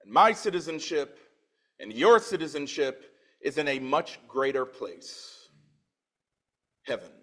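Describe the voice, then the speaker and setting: A man's voice: fairly high pitch, very animated, a little slow, pauses often, a bit bright. A man in his forties from Trinidad, preaching a sermon in church, reading scripture with swelling emphasis and dropping into plain conversational asides. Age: 40s.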